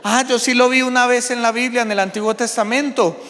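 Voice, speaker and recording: A Colombian man preaching a sermon from the pulpit of a large church, emphatic and deliberate, asking rhetorical questions. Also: very high voice, steady tone, fairly bright tone. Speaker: pastor. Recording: long church hall reverb.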